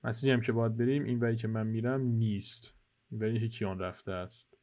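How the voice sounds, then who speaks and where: A man's voice: on the low side, steady tone, mellow. A young man casually commentating co-op gameplay for his channel, joking and teasing his teammate while guiding viewers. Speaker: gaming channel host. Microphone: headset.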